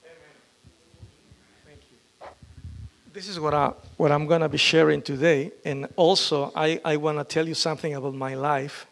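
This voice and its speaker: Pastor, halting delivery. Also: male voice, a little high, fairly even intonation, vocal fry. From Peru. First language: Spanish. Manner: halting, with frequent fillers and restarts. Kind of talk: testimony sermon.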